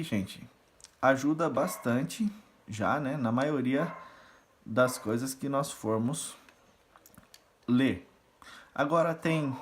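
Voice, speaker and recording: A man's voice: mid-range voice, slight background noise. A man teaching rhythm reading and solfège, patiently explaining and counting syllables aloud as he conducts the beat. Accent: Brazilian Portuguese. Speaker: music teacher.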